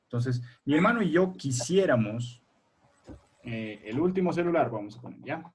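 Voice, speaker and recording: Husky-voiced man teaching a class online. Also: mid-range voice, lively intonation, normal speed. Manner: patient, explains step by step and quizzes pupils. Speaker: primary school teacher. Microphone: video call.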